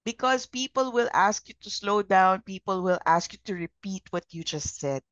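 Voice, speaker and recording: A middle-aged woman with a Filipino accent leading a communication training session, speaking in a measured, modulated trainer voice and putting questions to her learners. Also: medium pitch, lively intonation, fairly bright tone, no echo, muffled recording. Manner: interactive, asks learners questions. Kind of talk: live training session, mixing English and Filipino.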